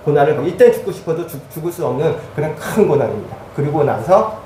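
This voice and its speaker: A man's voice: a little high, animated, fast, mellow, reverberant, recorded from a distance, a little hiss or hum, rough recording. A man preaching as a pastor, giving a teaching sermon. He goes through a chart step by step.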